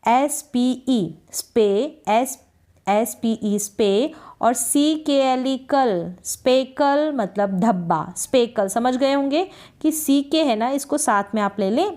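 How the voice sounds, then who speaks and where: A woman's voice: a little high, a little mellow. A woman teaching English spelling, sounding out words letter by letter and repeating them for learners. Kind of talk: spelling lesson.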